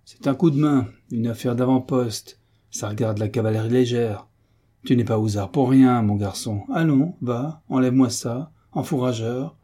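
A man's voice: mid-range voice, moderate pace, dark tone, close to an everyday voice. A man reading aloud as an old retired sailor, a blustering uncle who flinches at his housekeeper. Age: older. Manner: gruff and bluster, easily cowed.

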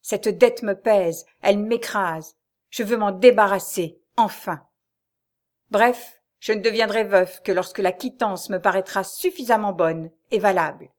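Une femme qui lit un livre audio et prête sa voix à un mari vengeur, moqueur et froidement ironique. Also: female voice, mid-range voice, measured pace, close to an everyday voice. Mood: sarcastic menace. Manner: mocking, cold and ironic. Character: sneering vengeful husband, a grown man. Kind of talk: audiobook reading of a serial novel.

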